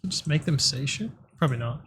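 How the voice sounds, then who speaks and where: A man's voice: a little high, animated, quick pace, background noise. A young man chatting casually and swearing freely while streaming a game. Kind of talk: casual live-stream chat while gaming.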